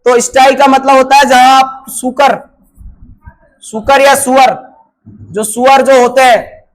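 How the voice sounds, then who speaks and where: Speaking slowly with fairly even intonation, a man with an extremely high voice teaches exam-prep grammar. He answers his own questions and spells out words one letter at a time, all on a low-quality recording.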